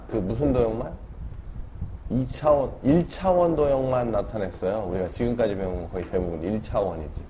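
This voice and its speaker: Here a man with a warm, medium-pitched voice teaches a relaxed classroom math lesson, repeatedly tossing tag questions to the students to make sure they're following. Faint noise sits under the dull, lo-fi audio.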